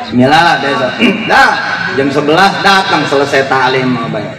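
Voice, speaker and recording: A man's voice: medium pitch, normal speed, over a noisy crowd. A man giving a humorous sermon, telling stories and acting out dialogue. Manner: lively storytelling, acts out dialogue. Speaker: preacher. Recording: echoey hall, from far off.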